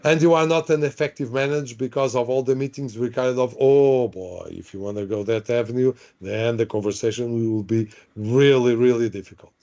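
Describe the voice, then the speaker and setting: A man's voice: medium pitch, brisk, few pauses, warm tone. A man teaching a live online workshop, chatty, repeating himself and asking the audience questions. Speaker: webinar trainer. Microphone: video call. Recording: dull lo-fi online call audio.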